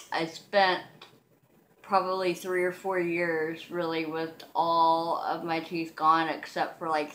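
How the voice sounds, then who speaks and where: A woman in her thirties talks casually to camera in a low, slow voice. Her speech is toothless and softly slurred, with a hesitant, self-conscious delivery. The room rings noticeably around her. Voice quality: toothless speech, soft slurred articulation without teeth or dentures. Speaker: vlogger. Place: living room, seated on a couch indoors. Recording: roomy, echoing home recording.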